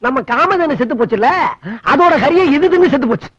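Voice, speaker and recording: A naive young villager in an old film comedy, who blurts out bad news bluntly and deadpan. His voice sits very high and his words tumble out fast. The soundtrack is dull and muffled, with faint music underneath. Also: dry recording. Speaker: comic lead in a film.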